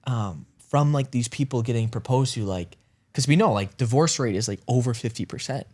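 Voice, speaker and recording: A man's voice: mid-range voice, fairly quick, a little mellow. A man in his early twenties co-hosting a podcast, chatting in a rambling, laid-back way with lots of filler words. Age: early 20s. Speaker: podcast co-host. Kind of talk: casual chat.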